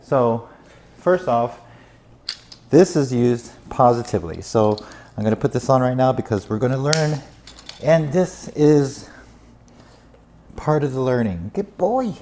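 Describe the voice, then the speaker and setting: A man with a mellow, warm tone and a middling pitch talks as a dog trainer. He patiently walks a dog's owner through the training steps in an instructive way. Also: unhurried, long pauses, slight background noise.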